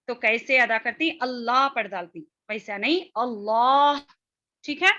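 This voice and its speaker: A woman teaches a recitation class in a bright, fairly high voice, explaining step by step. She often pauses to ask whether her students understand, and she drags out the letter sounds to demonstrate them. The audio is dull and lo-fi. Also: expressive. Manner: explains step by step, checks understanding with repeated "theek hai" and "hm?". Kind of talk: online class lesson.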